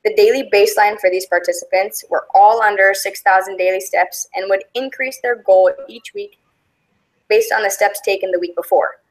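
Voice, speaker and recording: A woman in her late twenties presents her group's class project. Her pitch sits in the middle of the range, and she reads her script in an even, steady way. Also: normal speed, low-quality recording. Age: 20s. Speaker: student presenter.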